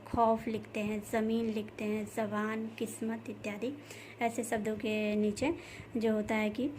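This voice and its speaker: A woman teaching a grammar lesson, explaining each point slowly and repeating key terms with many fillers. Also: fairly high pitch, a little mellow, a little hiss or hum. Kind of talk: explaining lesson over slides.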